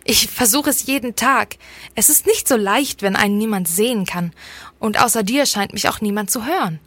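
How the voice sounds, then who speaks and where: A woman voicing a lonely, teasing young ghost woman in a read-aloud story, talking softly with a husky edge. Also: mid-range voice, normal speed, no echo, close to an everyday voice.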